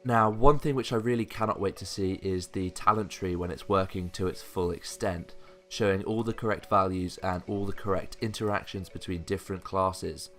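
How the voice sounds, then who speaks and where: A man with a low-pitched voice narrates a countdown list for a gaming video. He sounds keen and hopeful as he comments on each item. Soft music plays behind his voice-over. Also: fairly even intonation, moderate pace. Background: background music.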